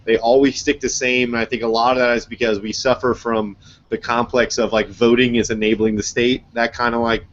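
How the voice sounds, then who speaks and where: A man co-hosting a podcast interview, speaking haltingly with many fillers and restarts. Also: medium pitch, little pitch movement. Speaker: podcast co-host. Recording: dull lo-fi sound.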